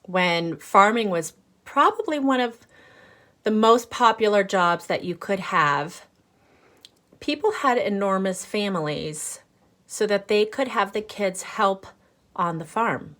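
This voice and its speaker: This medium-pitched woman reads aloud from a picture book for children like a teacher, deliberate and full of expression, breaking off to explain with easy questions and little asides.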